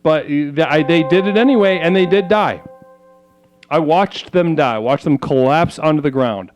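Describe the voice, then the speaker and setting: The audio is dull and there's music underneath as a man with a slightly high voice, speaking at a normal pace, hosts a mock spiritual livestream. Posing as a self-styled spiritual leader, he delivers a rambling, mock-solemn comic monologue full of stammering and crude asides.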